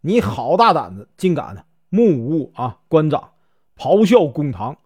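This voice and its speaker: A man's voice: fairly high pitch, sing-song, a little slow, a little mellow, husky, heavily acted. A man doing a stern county magistrate. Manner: scolding, commanding.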